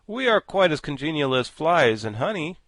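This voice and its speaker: A man's voice: on the high side, sing-song, normal speed, a bit bright, no room sound, studio quality, pitched above the performer's own voice. A man voicing a prim, easily offended pumpkin-headed wooden man. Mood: indignant.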